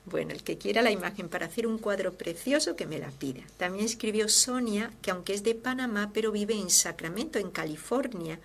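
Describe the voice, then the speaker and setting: Religious sister, host, fervent and expressive, reads listener mail warmly. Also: female voice, mid-range voice, a little fast, vocal fry, few pauses, a little hiss or hum. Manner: fervent, expressive, swings from loud to hushed. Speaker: religious sister hosting a devotional program. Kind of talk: devotional talk and reading listener letters.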